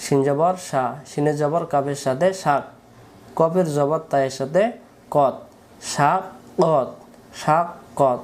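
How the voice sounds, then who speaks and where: Man, Quran reading teacher, slow repetitive spelling drill. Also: on the high side, fairly even intonation, a little mellow. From Bangladesh. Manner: patient, repetitive syllable-by-syllable drilling.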